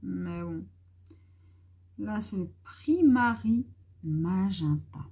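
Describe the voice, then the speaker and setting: A woman's voice: medium pitch, lively intonation, very slow, vocal fry, dark tone, husky. A woman chatting casually in a haul vlog, thinking aloud as she tests colors and talking familiarly to her viewers. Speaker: YouTuber presenting art markers.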